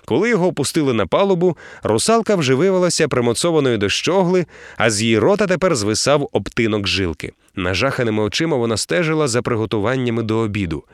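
Man, audiobook narration, expressive, animated intonation, dry close sound. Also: mid-range voice, fast, no room sound. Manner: expressive storytelling. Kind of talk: scripted narration.

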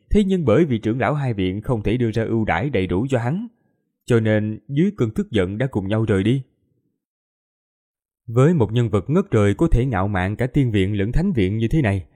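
A man narrating an audiobook in a steady storytelling manner. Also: mid-range voice.

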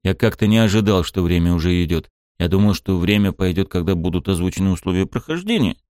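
A man narrating an audiobook in a lively, wry storytelling manner. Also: sits low, fast, smooth, no echo, clean studio sound.

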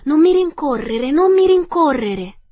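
A woman voicing a timid, fragile young porcelain princess with a high, frightened voice. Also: unhurried, slightly rough. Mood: anxious. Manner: frightened, pleading, then prim.

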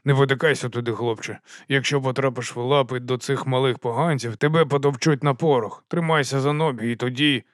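A man's voice: medium pitch, fairly even intonation, brisk, hardly any pauses, no echo, clean studio sound, natural voice. A man voicing a scruffy, shifty older night-watch corporal who mumbles and grumbles. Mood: grumbling.

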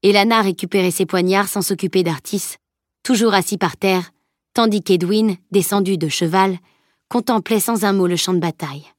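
This is scripted audiobook narration from a woman whose voice sits mid-pitch and whose delivery stays calm and steady. The recording is intimate and dry, free of any room sound.

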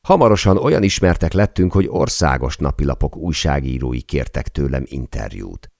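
A man reading a memoir aloud as an audiobook narrator, in steady storytelling delivery. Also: rumbling low, gravelly, dry recording, studio quality. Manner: steady storytelling read, lightly voicing quoted speech.

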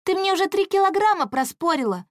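A woman's voice: very high-pitched, very animated, no echo, studio quality, pitched above the performer's own voice. A woman voicing her younger self, a girl teasing her sister. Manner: teasing, quick to laugh. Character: teasing girl, the narrator as a child.

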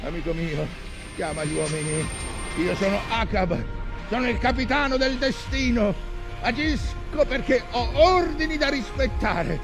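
An actor playing an old, obsessive, commanding whaling captain in a grandiose theatrical monologue. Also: male voice, sits high, gravelly. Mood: commanding, solemn. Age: older. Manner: grandiose, commanding, impassioned, slow deliberate phrasing.

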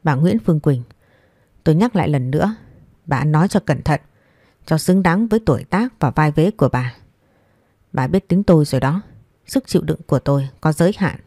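A woman's voice: low voice, expressive, normal speed, long pauses, warm tone, no echo, clean studio sound. A woman voicing a stern old father who rebukes his wife firmly. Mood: angry. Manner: stern, firm, reproachful. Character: stern old father, strict family head.

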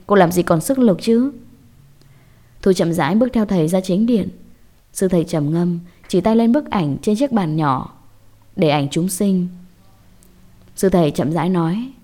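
A woman telling a scripted horror story in a measured, dramatic way. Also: on the low side, warm tone.

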